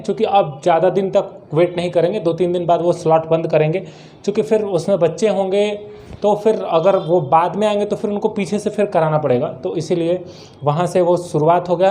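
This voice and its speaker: A man teaching vocabulary, his voice fairly high and warm. He reads example sentences slowly, then explains each one and asks and answers his own questions. Faint noise sits under the recording. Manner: mixes Hindi and English. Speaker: English teacher. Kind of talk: vocabulary lesson.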